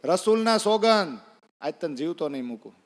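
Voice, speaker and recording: A man doing a furious, threatening Pathan warrior, speaking. The voice sits high and shouts out forcefully. It rings through a long, echoing hall. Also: fast, natural voice. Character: angry older male Pathan warrior, fierce and threatening.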